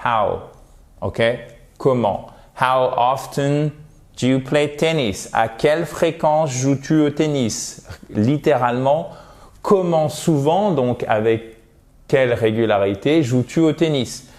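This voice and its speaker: In a video lesson, a man teaches English to French speakers, explaining patiently and playfully exaggerating the pronunciation of examples. His mid-range voice has a darkish tone, and he speaks slowly.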